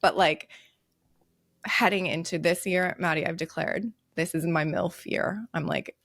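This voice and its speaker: Gravelly-voiced woman in her thirties. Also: on the low side, steady tone, a little slow, noisy background. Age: 30s. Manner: chatty, lots of fillers and laughs. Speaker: podcast co-host. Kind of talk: casual chat.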